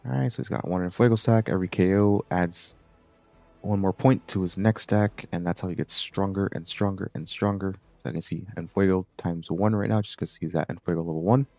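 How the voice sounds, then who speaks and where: A man giving relaxed, rambling commentary while playing a video game, with plenty of filler words. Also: low voice, a little fast, no echo, soft background music. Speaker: gameplay commentator. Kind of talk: casual gameplay commentary.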